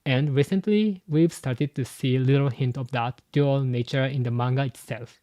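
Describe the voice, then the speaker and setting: Reading scripted commentary on his YouTube channel, a host and translator whose first language is Japanese walks methodically through his points. He has an ordinary middle pitch, a warm tone and a moderate pace, recorded close and dry without room echo.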